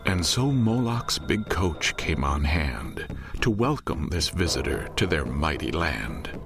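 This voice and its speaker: An actor playing an ominous storybook narrator, delivering theatrical rhyming narration. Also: male voice, rumbling low, big pitch swings, slow pace, music in the background, heavily acted.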